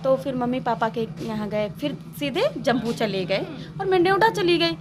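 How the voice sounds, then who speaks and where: High-voiced woman. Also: lively intonation, normal speed, noisy background. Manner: rambling, quotes others' words. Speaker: interviewee. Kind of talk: recounting a personal story.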